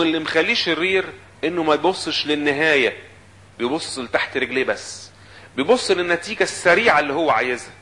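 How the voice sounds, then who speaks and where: A man with an Egyptian Arabic accent, preaching a sermon in an animated way, quoting scripture and voicing the people in it. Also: medium pitch.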